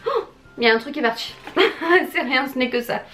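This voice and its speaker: A woman's voice: sits high, animated, brisk, fairly bright tone, soft background music. A young woman vlogging as she unboxes gifts, gushing and exclaiming to her viewers and to the friend who sent them. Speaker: beauty vlogger. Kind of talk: excited unboxing chat.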